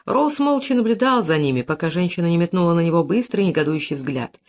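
A man narrating an audiobook in an expressive, dramatic reading style. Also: a little high, fast.

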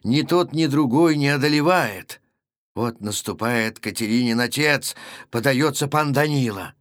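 A man, an actor and announcer, reading a classic tale in a measured, dramatic narration. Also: medium pitch, a bit bright, no room sound, studio quality. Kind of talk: audiobook narration.

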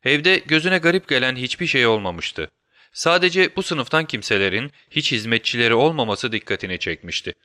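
Narrating a detective audiobook from a script, a man keeps a calm, even storytelling pace. The medium-pitched voice is recorded cleanly in a studio with no echo.

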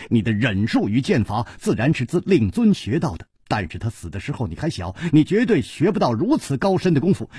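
A man voicing a clever, calm swordsman hero who reasons things out and sighs wearily. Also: mid-range voice, husky, no echo, clean studio sound, pitched below the performer's own voice. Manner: probing, reasoning, sighing.

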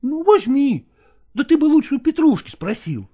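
A restless young shop clerk, as a reader puts him on, grumbling plaintively at his bunkmates. The voice is lifted a bit above the reader's own and moves a lot in pitch. It is performed within a read-aloud story. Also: sing-song, normal speed, dark tone. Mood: grudging. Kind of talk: dramatized story reading.

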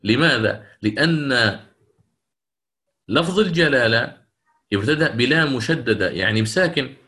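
Bright-voiced male recitation teacher. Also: mid-range voice, animated. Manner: explanatory, pauses to check understanding and answer questions. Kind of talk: online lecture with recited examples.

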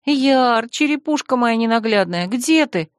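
A woman voicing a headstrong, stubborn young heroine in an audiobook, quick to flare up. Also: on the high side, lively intonation, dry recording, studio quality, voice pushed up. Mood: exclaiming. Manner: hot-tempered, stubborn, exclaiming. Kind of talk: audiobook character voice.

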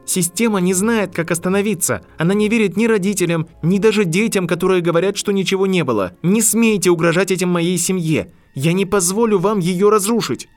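A man reading an audiobook, voicing an angry, indignant eleven-year-old boy wizard who shouts in fast outbursts. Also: on the high side, expressive, no room sound, faint music behind, voice pushed up, natural voice. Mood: furious. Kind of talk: audiobook narration.

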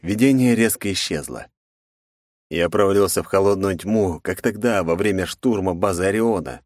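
A man reading an audiobook in the first person, steady and even. His voice sits very low, and the recording is dry with no room sound. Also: normal speed, dry recording. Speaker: narrator. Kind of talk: audiobook narration.

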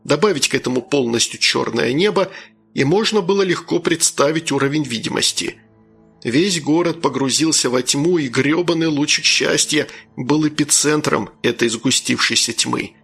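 Gravelly, husky male audiobook narrator. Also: fairly high pitch, moderate pace, a bit bright, soft background music. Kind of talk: scripted first-person narration.

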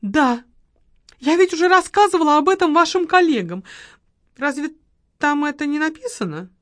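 A woman's voice: high voice, animated, normal speed, no room sound, studio quality, pitched above the performer's own voice. Woman playing a melodramatic coquettish widow. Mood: dramatic pleading. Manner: pleading, melodramatic, sighing. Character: theatrical grieving widow, coquettish, self-pitying woman.

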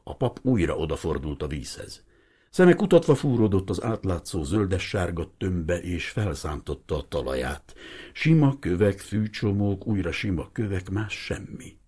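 Low, husky male audiobook narrator. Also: expressive, mellow. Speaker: audiobook reader. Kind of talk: scripted novel narration.

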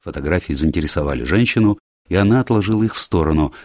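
Very deep-voiced male audiobook narrator. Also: animated, fast, dry recording, studio quality.

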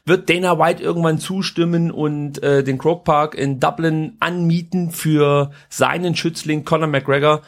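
A male podcast host talks through the news in a loose, conversational way, slipping in crude slang now and then. His voice sits a little higher than most men's. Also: steady tone, a little slow, few pauses. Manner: informal and colloquial, with crude slang. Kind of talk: casual news commentary podcast.

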